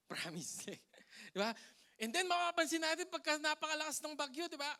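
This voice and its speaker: A man with a Filipino accent preaching a lively, playful sermon that mixes Tagalog and English, joking with the congregation and swinging between loud emphasis and soft asides. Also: extremely high pitch, normal speed. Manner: playful, jokes with the congregation and laughs. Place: church hall.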